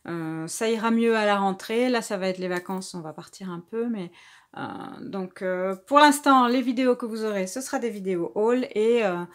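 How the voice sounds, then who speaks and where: A woman in a casual home vlog, talking in a middle-pitched, everyday voice as she shows off craft supplies one by one. She is from France and speaks in a relaxed, hesitant way, stopping often and restarting her sentences. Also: normal speed. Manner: hesitant, many filler sounds and restarts. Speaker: craft vlogger. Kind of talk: casual haul presentation.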